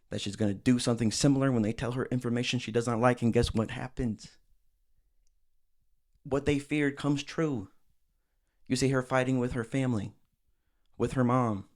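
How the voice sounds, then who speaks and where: A young adult man hosting a solo commentary podcast, animated and sarcastic, slipping into mocking impressions. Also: medium pitch. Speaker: host.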